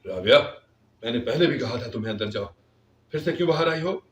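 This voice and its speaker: A man's voice: medium pitch, expressive, lightly acted. A man voicing a harsh, scornful young husband who sneers and mocks his wife, in a storybook reading. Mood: angry. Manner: mocking, sneering. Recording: roomy, distant, dull recording.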